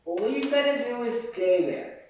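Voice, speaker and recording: A woman vocal coach teaching a master class, animated, demonstrating sounds and sung lines. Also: on the high side, normal speed, a little hiss or hum. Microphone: distant room mic. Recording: very echoey room from far off.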